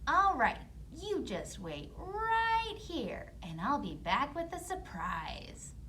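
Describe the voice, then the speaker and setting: Woman playing a high, whiny scheming stepmother. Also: huge pitch swings, measured pace, a little hiss or hum, full character voice. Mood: falsely sweet. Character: selfish, scheming stepmother, whiny and falsely nice.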